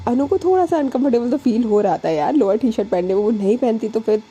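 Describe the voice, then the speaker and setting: Chatty woman storyteller, dark husky tone. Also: a little high, expressive, fast talker, lo-fi sound. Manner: chatty, mixing in English words, many fillers. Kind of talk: casual narration of a love story.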